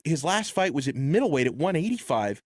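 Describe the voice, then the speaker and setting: A man's voice: a little high, sing-song, fairly quick, dry recording, clean studio sound. Man hosting sports radio talk.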